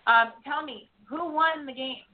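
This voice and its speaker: A woman hosting a live call-in radio show, her phone connection breaking in and out so her phrases come through halting and broken. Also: high voice. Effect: choppy phone connection cutting in and out. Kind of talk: casual live call-in chat. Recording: tinny phone line.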